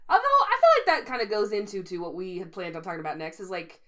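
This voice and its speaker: A woman's voice: medium pitch, animated, quick pace, fairly bright tone. A woman co-hosting a podcast, telling rambling stories in casual chat and laughing often. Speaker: podcast co-host.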